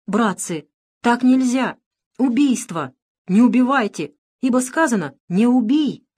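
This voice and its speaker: A woman's voice: on the high side, expressive, a little slow, a little mellow, slightly rough, voice pushed up. A woman reading the part of a terrified village priest pleading for his life, in a panicked, begging manner.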